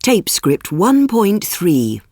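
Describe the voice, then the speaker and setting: Brief: low, husky woman teacher, very slow and lively-pitched, dry close sound. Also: no room sound. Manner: very slow, deliberate reading of letters and numbers. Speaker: English teacher. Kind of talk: reading textbook audio scripts.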